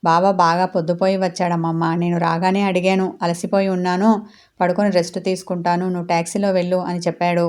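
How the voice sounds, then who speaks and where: A woman's voice: on the low side, little pitch movement, fast, a little mellow, smooth, close to an everyday voice. Woman reading as a tearful young heroine. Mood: explaining.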